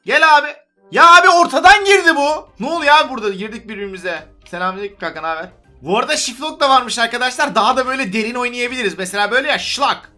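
Gaming YouTuber, male, very high and bright voice, excitable and teasing, music underneath. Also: racing. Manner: excitable, teasing, chatters to other players. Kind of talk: gameplay commentary.

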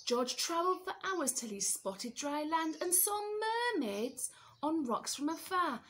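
A woman teacher reading a picture book aloud to young children, expressive and asking them questions. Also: sits high, unhurried.

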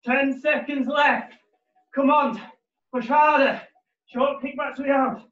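A personal trainer in his thirties exercises while giving live workout instruction indoors in a living room, driving people on with brief gym-bro orders. His very high-pitched voice is steady and slow. Heard through a far camera mic across the room, it comes across muffled, roomy and distant.

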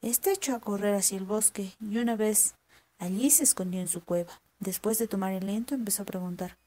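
A woman narrating a children's folk tale with clear, measured storytelling. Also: medium pitch, mellow.

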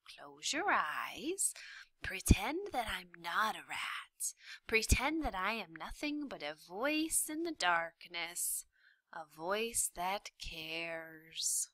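A woman reading aloud, voicing a sly, scheming male rat who speaks in a hushed, silky, drawn-out way. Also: fairly low pitch, animated, no room sound, heavily acted. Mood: whispering.

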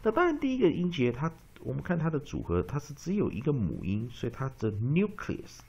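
A man teaching an English pronunciation lesson. He repeats words slowly for drilling and mixes English terms into his Chinese. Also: medium pitch, wildly swooping pitch, gravelly, a little mellow, husky. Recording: dull lo-fi recording.

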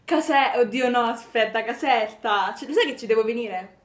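A woman's voice: fairly high pitch, normal speed, a little hiss or hum. A teenage girl from Italy making giggly, teasing phone calls to her fans for a vlog, chatting casually.

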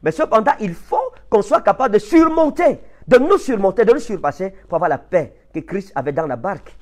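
Man, Cameroonian French accent, preacher, sermon, high-pitched, emphatic. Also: big pitch swings, a little fast. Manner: emphatic, rising to high impassioned peaks then dropping low. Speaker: prophet preacher.

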